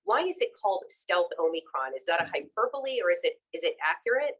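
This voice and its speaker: A woman moderating a media briefing, asking questions in a polite, measured way. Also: fairly low pitch, very animated, fairly bright tone, low-quality recording.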